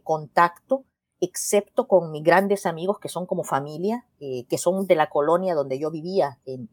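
A woman's voice: low-pitched, a little mellow, no echo. A middle-aged woman from El Salvador, a poet talking casually in an interview, thoughtful and restarting her sentences, ending points with a questioning tag. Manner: thoughtful, with frequent restarts and "¿no?" tags.

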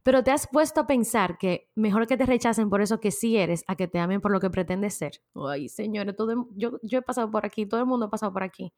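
A woman's voice: mid-range voice, quick pace, few pauses, a little mellow. Emphatic Dominican woman podcast host. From Dominican Republic. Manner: emphatic and conversational, laughs often, filler words. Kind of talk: motivational podcast monologue.

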